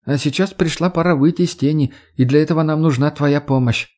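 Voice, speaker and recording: A man's voice: fairly high pitch, fairly quick, darkish tone, voice pushed up, close to an everyday voice. Anfisa, a man voicing a mocking young woman. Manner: teasing, brash, swearing.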